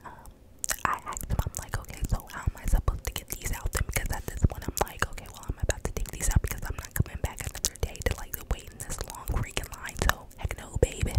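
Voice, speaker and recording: A young woman speaks entirely in whispers, right up against the microphone. She tells a personal story in an ASMR style, casual and slangy, rambling along with frequent hesitations. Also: brisk. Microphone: very close microphone.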